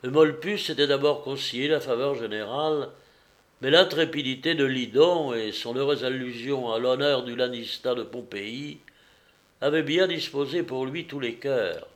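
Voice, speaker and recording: Man narrating a historical novel. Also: mid-range voice. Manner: measured storytelling. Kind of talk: reading a historical novel aloud.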